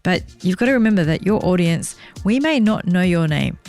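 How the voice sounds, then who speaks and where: A woman hosting a podcast, giving speaking tips in a clear, measured, coaching tone. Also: on the low side, lively intonation, darkish tone, faint music behind. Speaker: podcast host.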